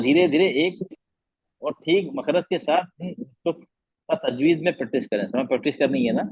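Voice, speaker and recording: A man teaching recitation who slowly repeats each letter sound and keeps asking his students whether it is clear. His voice is fairly high and a bit husky. The audio is dull and dry, like an online class. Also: no room sound.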